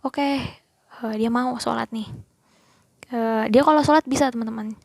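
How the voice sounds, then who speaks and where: A woman's voice: a little high, steady tone, normal speed, gravelly, a little mellow, no room sound, clean studio sound. Chatty young woman telling a story. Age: young adult. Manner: chatty, hesitant, addresses viewers as friends. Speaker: student. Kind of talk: casual storytelling vlog.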